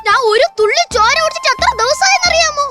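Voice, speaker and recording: A man's voice: very high voice, lively intonation, fast. A man playing a broke, scheming Dracula with a family in a comedy stage sketch, talking in a whiny, self-pitying way. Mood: grumbling. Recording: stage sketch under loud music.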